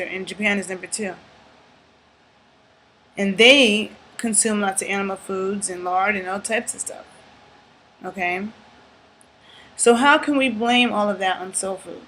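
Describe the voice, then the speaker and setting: Emphatic woman with a bright voice. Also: medium pitch, moderate pace, pauses often, rough recording. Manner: earnest, emphatic, checks in with "okay?"; thinks aloud with fillers and restarts. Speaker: YouTube commentator. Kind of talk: casual talking-to-camera commentary.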